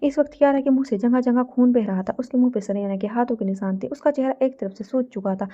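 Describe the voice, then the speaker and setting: Brief: female storyteller, steady reading, a bit high, soft mellow tone, slightly dull recording. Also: quick pace. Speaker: narrator. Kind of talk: scripted story narration.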